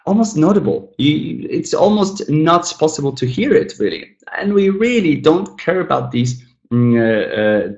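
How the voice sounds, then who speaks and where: A man at an ordinary pitch teaches English pronunciation in a recorded lesson, splitting words apart, stretching the stressed syllables and mumbling the unstressed ones to demonstrate. He explains things clearly and calls his viewers "guys." The room sounds noticeably echoey, and the audio is a little mellow and dull.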